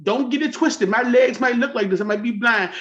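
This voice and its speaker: A woman's voice: a little high, brisk, highs cut off. A woman in her forties talking straight to camera in a confrontational rant, taunting and repeating herself. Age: 40s. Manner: taunting, repetitive, boastful. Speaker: church livestream host.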